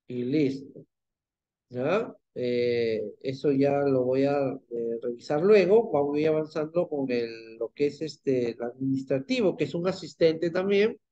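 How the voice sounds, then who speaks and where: Male instructor, patient, fairly high voice, dull online-class audio. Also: warm tone. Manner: patient, checks in with "¿ya?" and "¿ven?". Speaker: teacher. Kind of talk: live online class, screen-share demo.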